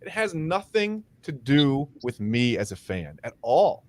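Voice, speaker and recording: A man's voice: medium pitch, very animated, measured pace, dry recording. Emphatic male sports podcast co-host. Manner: emphatic, repeats words when worked up. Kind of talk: casual sports podcast chat.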